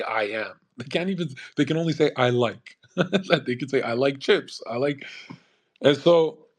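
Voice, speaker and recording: A man's voice: medium pitch, a little mellow, slightly rough. A man hosting a podcast, talking in a rambling, profane casual monologue. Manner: profane, rambling rant with frequent "man" and "bro". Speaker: podcast host.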